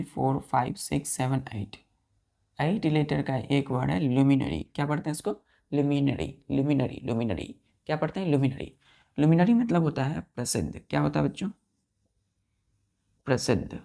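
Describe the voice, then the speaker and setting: A woman's voice: low-pitched, gravelly, mellow. A woman teacher giving a vocabulary lesson, spelling words letter by letter, counting the letters aloud and asking her students questions over and over. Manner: asks the class repeated questions.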